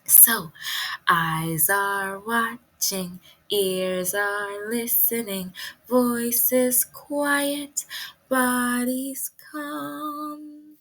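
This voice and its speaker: A woman preschool teacher runs a virtual read-aloud for young kids, using simple, deliberate phrases and asking the children questions. Her voice is fairly high-pitched with a sharp edge.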